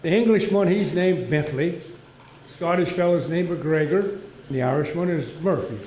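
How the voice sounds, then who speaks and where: A man's voice: on the high side, normal speed, a little hiss or hum, lightly acted. An actor playing a man in a pub telling jokes and laughing at his own punchlines. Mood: jokey. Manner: lively joke-teller who laughs at his own punchlines. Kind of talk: stage play, telling jokes. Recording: echoey room.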